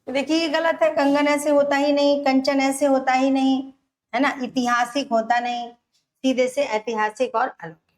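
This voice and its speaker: A woman teaching Hindi grammar for an exam, explaining step by step and repeating words slowly. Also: high-pitched, level tone. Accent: Rajasthani Hindi. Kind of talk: exam-prep grammar lesson.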